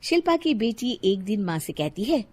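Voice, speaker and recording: A woman narrating a cartoon moral story in a calm, even voice. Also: medium pitch, moderate pace, husky.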